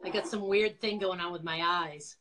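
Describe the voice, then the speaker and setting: A talkative middle-aged woman from Quincy, Massachusetts, with a Boston accent, chats casually as an interview guest over a video call from indoors, telling her own story as a former nonprofit founder. Her voice is lowish and a bit bright, with a steady tone and moderate pace.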